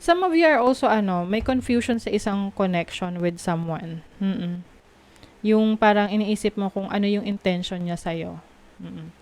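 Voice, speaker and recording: A woman from the Philippines giving a tarot reading, slow and reassuring, mixing Tagalog and English and checking in with her listeners. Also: mid-range voice, a little mellow. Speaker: tarot reader.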